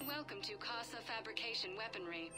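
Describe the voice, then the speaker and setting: A woman's voice: fairly high pitch, lively intonation, a little fast, loud music behind the voice. A woman voicing a shop kiosk program in a science-fiction game, giving supermarket-style store announcements in polite, repetitive greetings.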